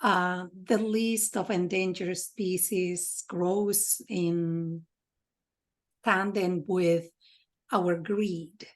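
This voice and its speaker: A woman hosting an interview speaks at an unhurried, measured pace. She pauses often and reflects as she goes, and her voice is choked up with emotion. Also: fairly low pitch, steady tone. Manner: slow and reflective, with soft fillers. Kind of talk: conversational interview.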